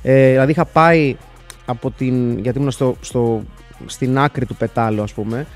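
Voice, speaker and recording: A man's voice: medium pitch, faint music behind. Man rambling through anecdotes. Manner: rambling, with frequent self-corrections and restarts; grows loud and animated when excited. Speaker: interview guest, football fan. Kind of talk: casual anecdotal storytelling. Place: seated in an armchair in a studio.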